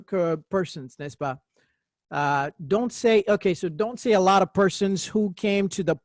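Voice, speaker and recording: Male English teacher, higher voice, jokey and lively, online class, dry close sound. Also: dry recording. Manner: joking, lively teacher who corrects errors and laughs.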